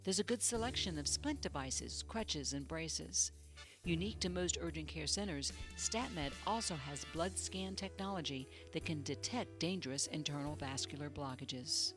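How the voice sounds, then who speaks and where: A woman with a low voice delivers scripted infomercial narration as a commercial announcer. Her sales pitch is polished and measured, and music plays clearly behind her. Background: music bed.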